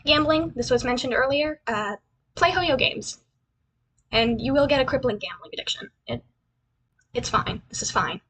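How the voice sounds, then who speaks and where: Chatting casually over a slideshow, the VTuber streamer, a young woman with a cute anime-style look, introduces herself while rambling and repeating phrases self-deprecatingly. Her high voice is expressive, fairly bright and slightly rough at normal speed, pausing often, though the audio is poor.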